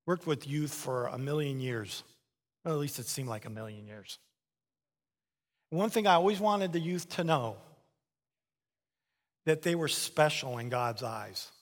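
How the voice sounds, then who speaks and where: Animated male pastor preaching in a reverberant hall. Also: medium pitch, a little slow, long pauses. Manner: animated, acts out little dialogues, repeats for emphasis. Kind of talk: sermon. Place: church sanctuary. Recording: long reverb of a large hall.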